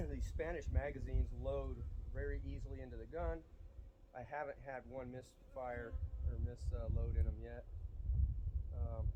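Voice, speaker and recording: Background noise and cut-off highs mark this clip of a medium-pitched man reviewing an air rifle outdoors at a shooting spot. He has a cold and sniffles, rambling casually with many ums and restarts.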